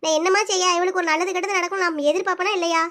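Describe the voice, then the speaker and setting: A woman's voice: very high voice, fairly even intonation, racing, fairly bright tone. A woman voicing a worried, scolding middle-aged village mother in a cartoon, grumbling to herself. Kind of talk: cartoon voice-over.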